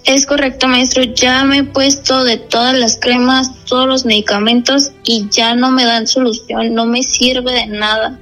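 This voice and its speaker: A woman's voice: a little high, flat delivery, unhurried, few pauses, fairly bright tone, faint music behind, rough recording. A woman calling in over the phone to a psychic show, polite and earnest, sounding desperate. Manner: polite and earnest, answers briefly then explains at length. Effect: heard over the phone. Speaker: caller to a psychic call-in show. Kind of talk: live call-in.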